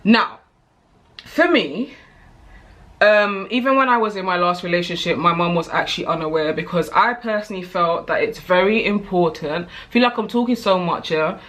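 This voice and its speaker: British woman in her 30s, bright clear voice, chatty and candid, rambling vlog chat. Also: fairly low pitch, normal speed. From United Kingdom. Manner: chatty, candid, rambling with frequent asides and fillers. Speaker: vlogger. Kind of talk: casual chat to camera.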